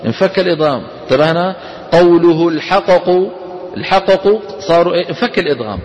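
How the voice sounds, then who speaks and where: A man's voice: fairly high pitch, animated, quick pace, darkish tone, dull audio. A man teaching a class. He explains step by step, poses questions and answers them himself. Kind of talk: classroom lesson. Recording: long hall reverb.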